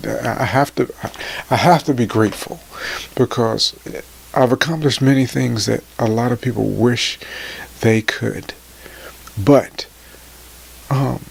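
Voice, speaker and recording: A man in his forties speaking emotionally to his viewers, halting and tearful, his voice sometimes sinking to a near whisper. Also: medium pitch, creaky. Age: 40s. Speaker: motivational vlogger. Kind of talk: emotional personal talk to camera.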